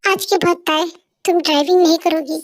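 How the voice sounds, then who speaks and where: A woman's voice: extremely high pitch, steady tone, a little fast, no echo, clean studio sound. A woman voicing a strict, protective older brother who scolds his sister, in an amateur audio drama dub. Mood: scolding.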